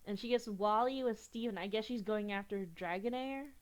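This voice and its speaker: A young woman who's a gaming YouTuber chats casually through an online card game in a mid-range voice at normal speed. She has a cold and sniffles a little, giggling often and frequently restarting her sentences.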